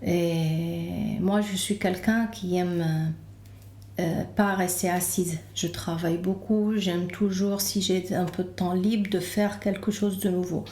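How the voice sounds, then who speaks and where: A Lebanese woman with a Lebanese accent tells her own story as a guest in a casual podcast interview, searching for her words. Her voice is on the low side and warm, with fairly even intonation and a slow pace. The room is roomy and echoing.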